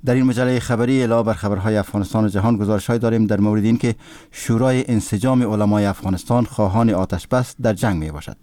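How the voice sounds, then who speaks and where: A man's voice: on the low side, warm tone, no echo. A man introducing a news magazine in a formal announcing style.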